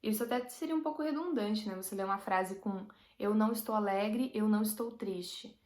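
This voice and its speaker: A woman's voice: mid-range voice, brisk, darkish tone. A woman with a Brazilian Portuguese accent, teaching a casual language lesson and patiently explaining with everyday examples. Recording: roomy echo.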